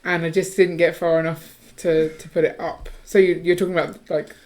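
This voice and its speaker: A woman from the UK hosts a relaxed podcast chat in a voice on the lower side. She teases and talks things through, often breaking off and restarting her sentences. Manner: chatty, teasing, talks in quick restarts. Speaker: podcast co-host. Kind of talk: casual chat.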